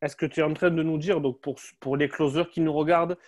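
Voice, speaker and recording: A man's voice: on the high side, steady tone, fairly quick. A man hosting an interview, asking questions with enthusiasm and frequent exclamations. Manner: enthusiastic, exclaims "wow", stumbles over restarts. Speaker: interviewer, host. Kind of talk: casual interview.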